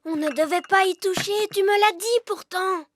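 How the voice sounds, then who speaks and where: A woman's voice: very high voice, normal speed, heavy background noise. A woman voicing an earnest, cautious young elf boy with a boyish, hesitant delivery in a French children's cartoon. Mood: alarmed. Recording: children's music behind the voice.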